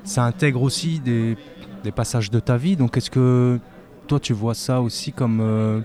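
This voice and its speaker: A man's voice: mid-range voice, fairly even intonation, dark tone. A man interviewing a guest, asking long searching questions padded with fillers. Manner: searching, fills pauses with "euh".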